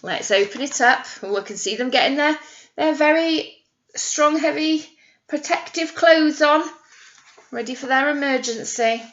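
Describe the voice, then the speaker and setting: Her voice is high, fairly bright and unhurried as she reads a picture book to young children in British English. It's an interactive read-aloud with sing-song stresses and frequent encouraging questions, and the recording has its highs cut off.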